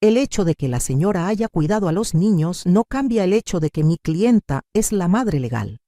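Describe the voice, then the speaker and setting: A woman's voice: fairly low pitch, big pitch swings, moderate pace, mellow, dry recording, studio quality, voice pushed up. An older woman voicing a young male lawyer who pleads in a dramatic courtroom manner. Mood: pleading.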